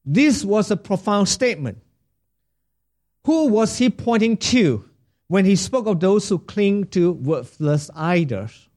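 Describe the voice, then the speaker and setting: A male pastor preaching a sermon with a fairly high voice. He takes his time over every phrase, leaving room between thoughts, and puts rhetorical questions to the congregation. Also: sing-song, takes it slowly, darkish tone.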